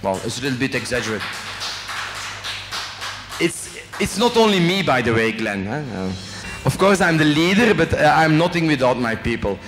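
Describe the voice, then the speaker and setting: Speaking at medium pitch in a sing-song way at normal speed, a middle-aged French-accented Belgian executive delivers a light, joking guest lecture to students. Into a handheld microphone he poses questions and adds "eh?" to his sentences; the large hotel function room echoes heavily and faint music can be heard.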